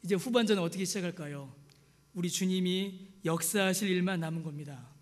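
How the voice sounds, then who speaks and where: High-voiced pastor preaching in an echoing church. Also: male voice, brisk. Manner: earnest, repeated direct appeals to the congregation; storytelling with rhetorical questions. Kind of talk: sermon. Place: church sanctuary. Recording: reverberant church hall.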